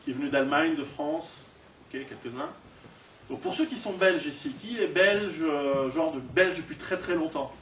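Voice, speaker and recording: A Swiss guest lecturer and author speaks at normal speed in a slightly high, fairly bright voice with lively intonation. Giving an informal, humorous talk in an indoor hall, he projects without a microphone and poses questions to listeners. The audio, taken by a far-off camera or recorder, is echoey and noisy.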